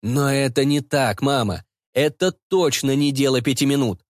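A man's voice: medium pitch, normal speed, no echo, studio quality, lightly acted. Man doing a flustered detective son. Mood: defensive. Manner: defensive, mumbling. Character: flustered young male detective, evasive son.

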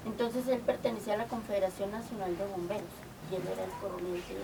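An older woman from Colombia, telling lively stories from her community work, often acting out quoted dialogue. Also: medium pitch, fast. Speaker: community organizer. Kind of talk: storytelling. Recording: distant mic with clear background noise.

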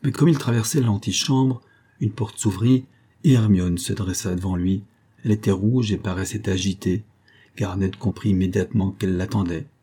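A man narrating a classic novella in an even, literary reading. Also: lowish voice, normal speed, slightly rough. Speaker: audiobook reader.

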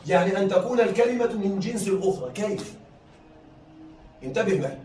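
A man lectures a classroom in a high voice. He draws out key words and keeps checking that his students follow. The recording is roomy and picked up from a distance, with faint background noise. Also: lively intonation, mellow. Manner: drawn-out emphatic stresses on key words. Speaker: teacher.

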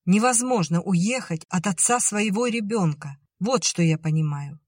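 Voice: mid-range voice, moderate pace, dry recording, studio quality, voice pushed up, close to an everyday voice. An audiobook reader voicing a headstrong sister who speaks in a clipped, firm way. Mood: exclaiming. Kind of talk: audiobook character reading.

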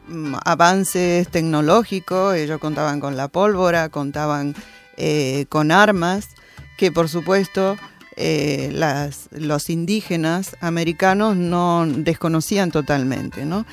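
Measured radio co-host explaining. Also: medium pitch. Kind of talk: radio talk discussion.

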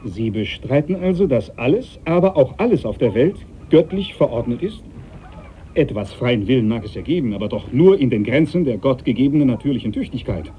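An actor playing a haughty, pious young aristocratic sea captain in a German radio drama, formal, needling and domineering. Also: male voice, medium pitch, big pitch swings, a little fast, dark tone, lightly acted. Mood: sardonic, challenging. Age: young adult. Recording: thin phone-like sound, faint noise.

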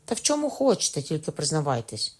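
A woman narrator plays a burly, soft-hearted executioner. He grumbles asides to himself and hisses urgent advice under his breath. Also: sits low, huge pitch swings, quick pace, exaggerated voice. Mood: urgent whisper. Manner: muttering asides, urgent whispers. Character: gruff, kind-hearted male executioner.

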